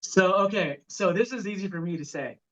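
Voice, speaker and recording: High, bright-voiced man chatting. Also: expressive, brisk. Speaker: band member being interviewed. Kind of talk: casual chat. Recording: dull lo-fi sound.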